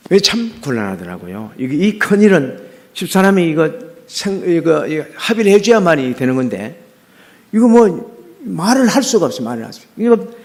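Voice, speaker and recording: A man's voice: on the high side, a little mellow. A middle-aged man, a pastor, preaching a sermon as personal testimony, talking earnestly with many fillers and restarts.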